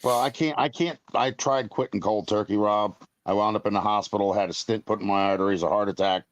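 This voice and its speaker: Low-voiced blunt man in his fifties. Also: fairly even intonation, brisk, no room sound. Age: 50s. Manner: rambling, blunt, peppered with mild cursing. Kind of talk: casual live-stream chat.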